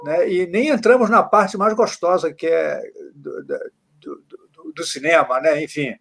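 A man's voice: a little high, unhurried, gravelly, a bit bright. A man with a Brazilian Portuguese accent hosting an online live talk over a video call, his audio choppy and cutting out as he rambles with many fillers. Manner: rambling, full of fillers and restarts. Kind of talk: casual chat wrapping up a panel.

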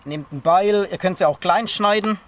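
A man's voice: high voice, moderate pace, slight background noise. A man in his thirties chatting casually as he shows a craft step by step outdoors in a forest camp. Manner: relaxed and chatty, explains step by step while working. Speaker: bushcraft instructor. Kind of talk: casual outdoor how-to demonstration. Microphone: camera a few meters off. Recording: distant outdoor camera audio.

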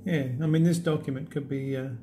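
A man walking through an app demo in a relaxed, halting way with many fillers. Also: fairly high pitch, music in the background. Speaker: app demonstrator. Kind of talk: unscripted screen demo walkthrough.

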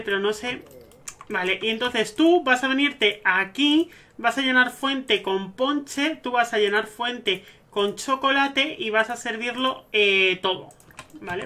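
A man with a Spain Spanish accent giving gushing, excitable let's-play commentary over a life-sim game. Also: very high-pitched. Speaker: gaming streamer.

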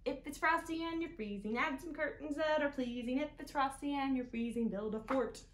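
This young adult librarian's storytime is brisk and high-pitched, a partly sung picture-book reading aimed at children, whom she eagerly invites to participate. She's on a couch in a small indoor room, and the camera a few feet away picks up echo and some background noise.

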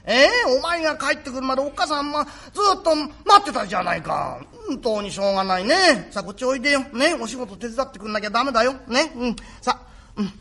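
A man's voice: extremely high pitch, fairly bright tone, exaggerated voice. A man voicing a hardworking mother who nags her son, in old speech. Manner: nagging, exasperated. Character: scolding mother, hardworking, fussy. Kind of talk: rakugo storytelling.

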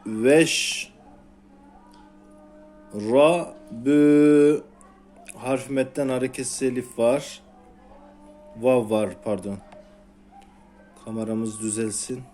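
A man's voice: mid-range voice, fairly even intonation, darkish tone, faint music behind. A man with a Turkish accent teaching Quran reading, sounding out and stretching syllables one by one for beginners. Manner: slow, drawn-out syllables repeated for learners. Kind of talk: syllable-by-syllable recitation lesson.

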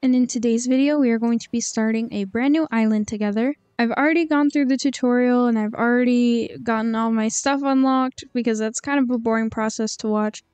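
A woman's voice: on the high side, fairly even intonation, brisk, hardly any pauses, a little mellow, clear, resonant tone, no room sound. A young woman hosting a gaming channel, chatting casually over gameplay in an upbeat way with a slight lisp from braces. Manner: chatty and upbeat, with frequent ums. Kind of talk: casual game commentary voice-over.

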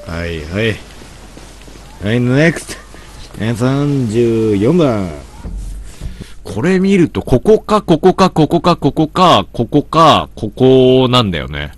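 A man's voice: mid-range voice, big pitch swings, slow pace, slight background noise. A man with a stuffy nose, doing gameplay commentary, grumbling to himself and mock-scolding characters in the game. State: stuffy nose from hay fever.

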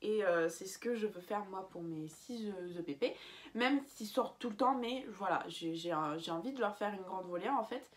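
A woman's voice: mid-range voice, normal speed. A young woman giving casual, chatty advice in a vlog, full of fillers and restarts and laughing at her own slips. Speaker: bird-keeping vlogger.

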